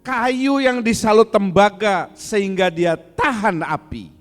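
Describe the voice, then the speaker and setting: A man's voice: high voice, slow pace, in a large hall, soft background music. A man preaching a sermon as pastor, asking the congregation questions and acting out angry insults in a raised voice. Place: church hall.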